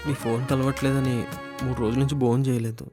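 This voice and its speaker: Man as a soft-spoken earnest suitor, slightly high voice, music behind, web series drama. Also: brisk, natural voice. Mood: tearful. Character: shy, earnest young man in love, salaried and plump. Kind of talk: romantic comedy web series acting.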